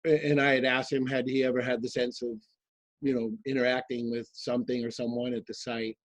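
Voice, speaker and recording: A man's voice: medium pitch, flat delivery, a little fast, no echo, low-quality recording. A man on a group video call asking the host careful, detailed questions. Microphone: video call mic.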